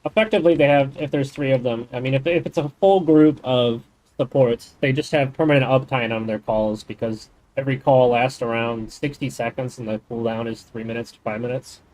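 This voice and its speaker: A man streams a game and chats casually, rambling and thinking aloud as he explains its mechanics in detail. His medium-pitched voice is steady, brisk and darkish in tone. The recording is low quality.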